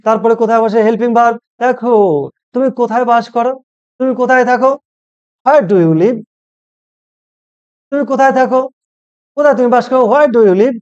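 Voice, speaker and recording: A man teaching a spoken English lesson, who asks each question and then says it slowly in English, and keeps calling it easy. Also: very high voice, steady tone, a little mellow, clean tone, lo-fi sound.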